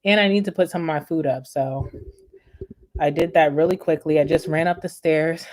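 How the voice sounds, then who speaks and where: Warm, low-voiced woman, chatty tarot reader talking to viewers. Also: steady tone, normal speed, a little hiss or hum. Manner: chatty, addresses viewers as guys and y'all. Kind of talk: casual tarot reading to viewers.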